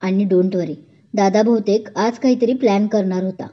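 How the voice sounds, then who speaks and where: A woman's voice: mid-range voice, normal speed, natural voice. A woman reading a storybook romance, voicing a playful young woman who coaxes and teases her lover. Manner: coaxing, teasing, childlike. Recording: dull lo-fi recording.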